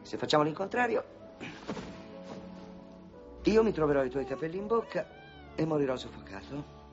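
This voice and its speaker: A man's voice: on the high side, moderate pace. An actor dubbing a teasing, wisecracking male ghost hunter. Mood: teasing, gentle. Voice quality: joking, playful, lively. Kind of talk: dubbed film acting. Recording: dull dubbed film audio with music.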